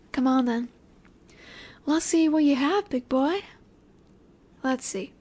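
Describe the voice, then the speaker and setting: In a flirty audio roleplay, a woman plays a cocky female werewolf alpha, her high, darkish voice lingering on every phrase. She taunts and teases, certain she holds the power.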